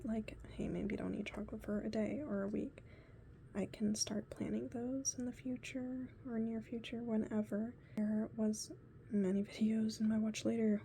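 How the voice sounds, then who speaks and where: Woman vlogger, whispered personal diary, slightly high, dark, gravelly edge, self-reflective ramble. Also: slight background noise. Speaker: video diarist. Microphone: phone camera.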